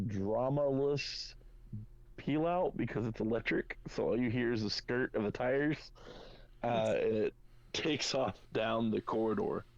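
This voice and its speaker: A man runs a tabletop game in a low, unhurried voice. He halts often with fillers as he describes the scene. The recording is dry and dull, with a lo-fi sound. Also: gravelly, a little mellow, no echo. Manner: halting, many fillers. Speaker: game master.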